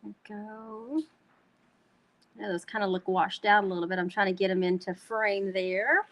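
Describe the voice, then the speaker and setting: A woman's voice: mid-range voice, fairly even intonation, normal speed, fairly bright tone, lo-fi sound. A woman from North Texas with a Texan twang, hosting a chatty live craft tutorial and talking to her viewers as y'all. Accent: Texan Southern twang. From North Texas, USA. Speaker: host demonstrating card making.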